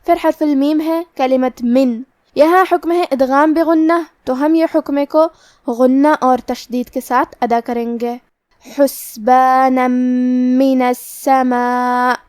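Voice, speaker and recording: A woman with a high, light voice walks through the rules of recitation in a calm, methodical teaching tone. She pauses to chant each example slowly and stretches the sounds out. The recording is close and dry, with no room sound. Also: no room sound. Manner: methodical and explanatory, slow drawn-out recitation of examples. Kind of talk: tajweed lesson, explaining rules then reciting slowly.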